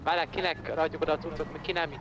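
A man's voice: a little high, level tone, over a noisy crowd. A man in casual in-character game roleplay, talking matter-of-factly about how the group is organized. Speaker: roleplay player.

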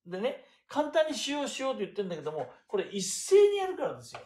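An older man giving a chatty lecture on classical texts, asking rhetorical questions and pausing with fillers. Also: high-pitched, huge pitch swings, a little mellow. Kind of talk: casual lecture. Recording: roomy echo.

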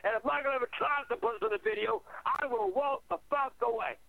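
A man's voice: very high-pitched, quick pace, vocal fry, bright, forceful tone, no echo. An older man telling an angry family story on a radio show, swearing often and stumbling over repeated words. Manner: profane, ranting, repetitive stammering. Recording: tinny phone line, dry.

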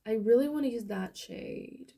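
A young adult beauty vlogger whose first language is Dutch chats casually through a makeup tutorial in a small bedroom, rambling with lots of fillers. Her voice is fairly high, gravelly and slightly rough, with a warm tone, at normal speed.

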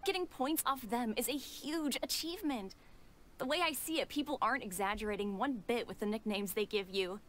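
A bright young student friend, voiced by a woman cheers a classmate on in a game scene, her voice fairly high. She sounds warm and insistent. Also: a little fast, slight background noise, close to an everyday voice. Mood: admiring.

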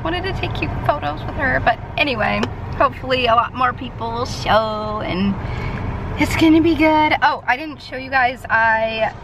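Chatty young woman vlogging, gushy and excited, kinda high voice. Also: moderate pace, noisy background. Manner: bubbly, chatty, gushing. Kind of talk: casual vlog chat.

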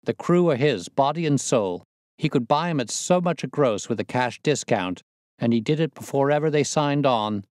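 Playing a swaggering young convict who heads a plot, a man reading a story sounds boastful, coarse, and excitable. He pushes his medium-pitched voice up while keeping it close to an everyday voice, speaking at a moderate pace in clean studio audio without room sound.

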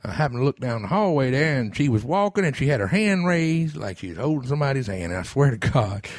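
Male podcast host, lively rambling storyteller, loose and profane, dry close room. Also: mid-range voice, quick pace, no echo. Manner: rambling, swears freely, restarts a lot. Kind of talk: casual storytelling chat.

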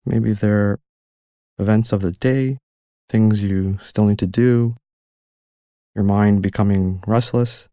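Speaking in a fairly low, clean-toned voice, a male guide narrates a mindfulness meditation. His instructions are calm, gentle and unhurried, separated by long pauses. There's no room sound, just clean studio audio.

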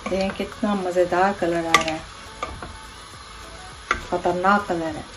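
A woman's voice: on the low side, steady tone, takes it slowly. A woman in her thirties hosting a casual home cooking show, walking viewers through each step in her kitchen. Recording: background music under voice.

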